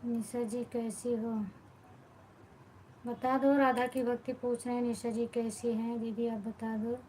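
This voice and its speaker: A woman hosting a live stream at home at night, chatting softly with viewers by name and offering devotional greetings. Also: on the high side, flat delivery, a little slow, slight background noise, poor audio. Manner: quiet, keeps her voice down while others sleep. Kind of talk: casual live chat.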